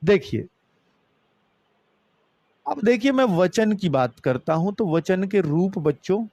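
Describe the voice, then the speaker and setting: A man teaching a grammar lesson. He talks to his students as kids and keeps swinging between emphatic high phrases and low, drawn-out ones. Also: expressive, a little mellow. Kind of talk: online exam-prep grammar lesson.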